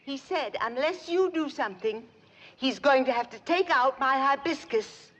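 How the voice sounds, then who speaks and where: An actress playing a fussy, formal wealthy society matron who speaks in a prim, dramatic way. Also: female voice, sits high, lively intonation, normal speed, a bit bright. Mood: distressed.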